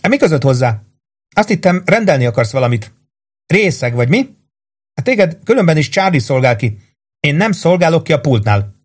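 A man's voice: mid-range voice, very animated, breathy edge, voice pushed up. A man voicing an irritable young woman, a bar waitress, speaking curtly and snappishly. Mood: irritated. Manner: curt, snappish.

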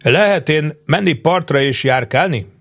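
A man's voice: mid-range voice, fairly bright tone, natural voice. A man putting on a stern, domineering ship captain. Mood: cool. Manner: slow, emphatic broken pidgin speech.

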